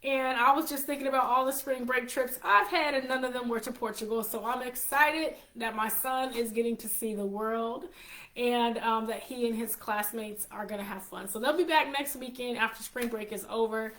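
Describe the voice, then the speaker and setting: In a roomy, echoing space, a woman in her forties hosts her own live show, chatting casually in a slightly high, fairly bright voice at normal speed. She sounds congested, coughs a little, and keeps repeating and restarting phrases.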